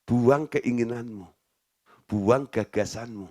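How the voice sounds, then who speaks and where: A man's voice: medium pitch, slow, warm tone. A male preacher giving a conversational sermon, telling stories and asking his listeners questions. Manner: chatty, storytelling, asks the audience questions.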